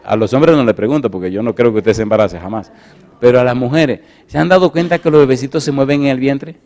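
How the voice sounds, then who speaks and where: A middle-aged man preaching, swinging between loud emphatic lines and soft, hushed storytelling. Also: mid-range voice, fast. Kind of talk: sermon with personal storytelling.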